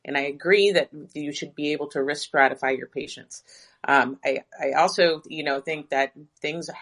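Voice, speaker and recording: A woman physician giving measured, thoughtful answers in a live audio discussion. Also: deep voice, a bit bright.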